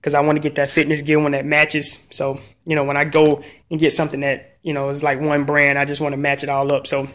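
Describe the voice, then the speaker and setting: A man in his thirties excitedly showing off home gym gear in his garage, talking casually into a phone held at arm's length. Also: a little high, brisk, few pauses. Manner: excited, chatty, slangy. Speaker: fitness vlogger. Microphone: phone camera at arm's length.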